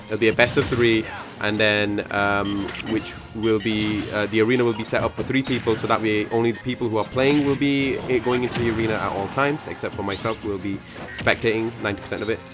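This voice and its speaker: A man with a fairly low voice hosts a live game tournament stream and chats casually with his viewers. He rambles, fills pauses with ums and uhs, and corrects himself mid-sentence. Loud game music plays behind him. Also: steady tone. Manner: rambling, frequent fillers and self-corrections.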